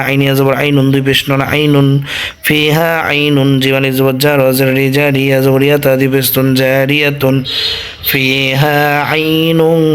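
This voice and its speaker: A man's voice: mid-range voice, clean tone. A man teaching Quran reading who spells out the Arabic letters and vowel marks one syllable at a time, patiently repeating each sound.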